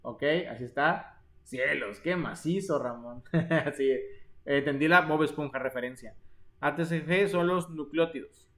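A man leads a live-streamed biology class for exam prep. He talks in a joking, theatrical way and keeps turning to his students as "jóvenes". His voice sits a little higher than most men's. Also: measured pace, a bit bright. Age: 30s. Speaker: online biology teacher.

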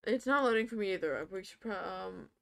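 A woman streamer chatting casually with a friend while they play a game, talking in quick excitable bursts and giggling often. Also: mid-range voice, vocal fry. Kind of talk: casual chat while gaming.

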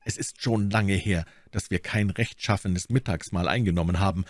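A man's voice: low-pitched, moderate pace, no echo, natural voice. A man voicing a bold, bantering young musketeer. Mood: hearty. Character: eager young hot-blooded male musketeer.

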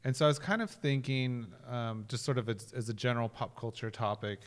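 A man in his forties co-hosting a casual pop culture talk show, slowly working his way through long, rambling questions in a studio. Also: medium pitch, big-room sound. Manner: rambling, many fillers and restarts while framing questions. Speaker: podcast co-host. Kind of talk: casual chat. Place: studio with orange backdrop. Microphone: studio mic on boom arm.

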